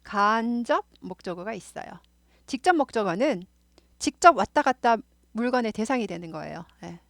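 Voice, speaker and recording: A woman's voice: fairly high pitch, expressive, moderate pace, gravelly, no echo. Woman, Seoul accent, middle-aged, chatty teacher, dry close sound. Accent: Seoul Korean. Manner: chatty, explains with repetition and asides. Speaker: English teacher. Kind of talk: casual grammar lesson.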